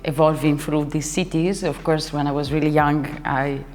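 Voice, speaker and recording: In a relaxed interview, this young woman from Italy, a dancer and choreographer, frequently stops to search for words, starts sentences over and laughs often. She has a deep, slightly mellow voice with fairly even intonation, recorded in a reverberant hall with faint music.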